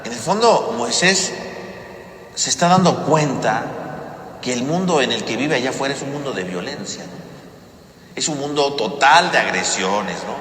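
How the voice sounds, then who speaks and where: A man with a Mexican Spanish accent teaches the Bible as a parish priest, his voice bright and forceful. He talks in a loose, conversational way and keeps checking in with his listeners. The sound rings with a long echo from a church hall, over a faint room hum. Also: medium pitch. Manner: conversational, tag questions after nearly every phrase. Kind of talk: Bible study lecture. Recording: echoey hall with faint ambience.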